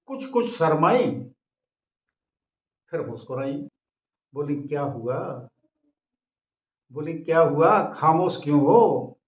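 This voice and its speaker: A man reciting his own comic verse, speaking slowly, repeating each couplet and chuckling at his own lines. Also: a little high. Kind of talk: humorous poetry recitation. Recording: echoey dull lo-fi recording.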